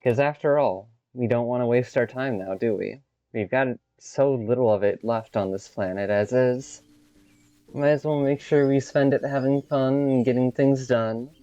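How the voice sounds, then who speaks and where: A man's voice: medium pitch, normal speed, dark tone, smooth, no echo, dull audio. A man casually narrating a video game walkthrough with wry, offhand remarks. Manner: wry, offhand, swears when he slips.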